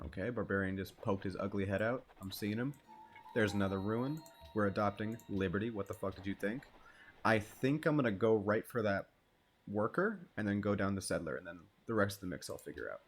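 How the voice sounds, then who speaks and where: Chill dude talking through his strategy game, swears a lot, jokes about himself, lowish voice. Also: fairly quick, a little hiss or hum. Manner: laid-back, swears freely, self-deprecating. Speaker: gaming channel host. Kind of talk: casual gameplay commentary.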